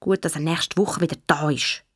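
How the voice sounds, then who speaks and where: A woman with a Swiss accent, reading a children's story in the first person with a lively, childlike manner. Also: low-pitched, moderate pace, over music. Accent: Swiss German. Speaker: audiobook reader.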